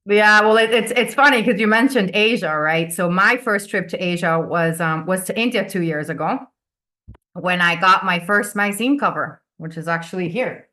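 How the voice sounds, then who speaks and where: A business coach who grew up in Venezuela, with Finnish as her first language, chats casually as a guest on a video call interview. She laughs often and repeats words as she starts, speaking at normal speed in a sharp, lowish voice.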